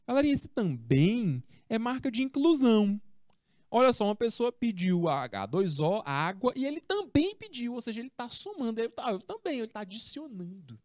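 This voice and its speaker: A woman's voice: a little high, sing-song, normal speed, a little mellow, no room sound, clean studio sound. A Brazilian woman teaching English, explaining in a chatty way and asking herself her pupils' questions before answering them. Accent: Brazilian Portuguese. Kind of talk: classroom explanation of a text.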